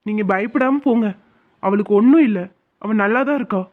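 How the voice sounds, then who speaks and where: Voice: mid-range voice, brisk, natural voice. A voice actor doing a kind young cartoon policeman. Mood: calm. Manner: reassuring, calm. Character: young male police officer, steady and kind. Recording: tinny phone-like sound.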